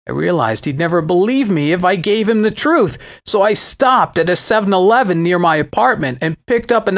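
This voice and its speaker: A man reading his own memoir aloud as an audiobook, with a wry storytelling manner. His pitch swings freely and expressively from line to line, giving the narration a lively, animated feel.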